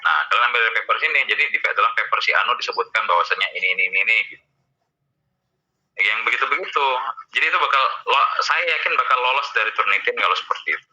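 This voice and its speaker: A man's voice: mid-range voice, very fast, pushed and bright. A man giving a casual online lecture to students, chatty, with many fillers, over dull lo-fi call audio. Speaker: university lecturer. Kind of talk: online lecture with screen sharing.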